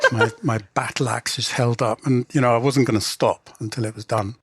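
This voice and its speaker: Speaking casually in an interview, the English translator-novelist, middle-aged, keeps restarting and dropping in "you know" as he goes. He has a medium pitch with a breathy edge. The sound is studio quality, with no room sound.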